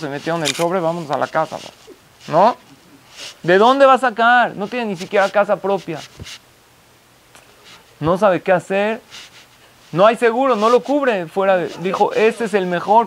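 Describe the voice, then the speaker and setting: Animated high-voiced male rabbi. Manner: animated storyteller, acts out quoted dialogue. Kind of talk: sermon with storytelling.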